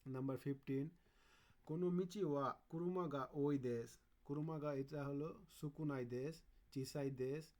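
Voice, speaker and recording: A man's voice: on the high side, steady tone, mellow. Man teaching Japanese kanji aloud. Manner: thinks aloud, sounds out Japanese words slowly. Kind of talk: casual exam-prep lesson.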